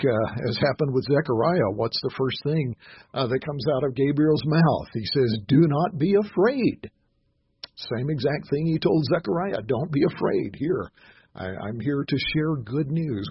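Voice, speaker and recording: A man giving a sermon, often pausing with fillers and restarts, reading scripture aloud slowly and with emphasis. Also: medium pitch, lively intonation, slightly rough, no room sound, muffled recording. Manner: halting, many "uh" fillers and restarts. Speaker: pastor.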